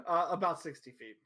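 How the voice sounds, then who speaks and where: A man running a tabletop game as game master, describing the scene with lots of pauses and ums. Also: a little high, pushed and bright, slightly rough.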